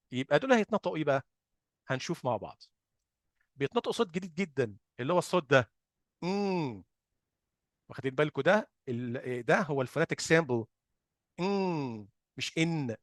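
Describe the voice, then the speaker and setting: Teaching phonics with an Egyptian Arabic accent, this man explains as he goes, asking his own questions and answering them, and drags out example sounds to show them. His voice is a little high and a bit bright, captured in clean studio sound with no echo.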